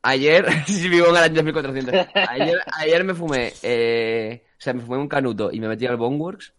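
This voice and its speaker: Brief: man, rapid joker guest, mid pitch. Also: a bit bright. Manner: fast, joking, exaggerated. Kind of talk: casual chat.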